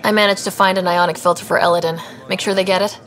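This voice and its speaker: A woman voices a capable, earnest young space explorer in video game dialogue, speaking plainly and in a businesslike way with light acting. Her pitch is fairly low and her tone steady, a bit bright, and she talks fast.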